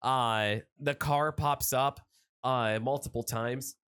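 A man chatting loosely on a podcast, piling up "like" and "uh" as he recaps a story. His delivery is excitable and wandering, at an ordinary pitch for a man. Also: slow, clear, resonant tone. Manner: rambling, excited recapping with lots of fillers. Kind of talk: casual chat.

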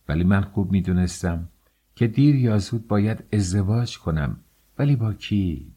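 A man narrating a novel as an audiobook in a measured, expressive reading. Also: low voice.

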